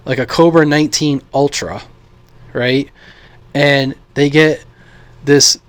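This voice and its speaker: An American radio hobbyist with a higher, fairly bright voice gives a casual vlog monologue, blunt, opinionated and rambling. The recording has no echo.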